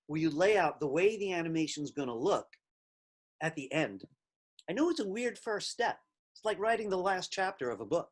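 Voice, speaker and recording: A middle-aged man teaching a recorded class, talking conversationally and reflectively, stressing key words as he explains. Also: a little high.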